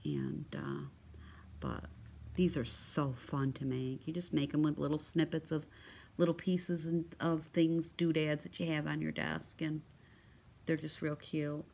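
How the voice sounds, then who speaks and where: With vocal fry and a darkish tone, a woman speaks in a deep, expressive, unhurried voice. She's a crafting vlogger showing off supplies in a laid-back show-and-tell, gushing and chatty with frequent ums and restarts.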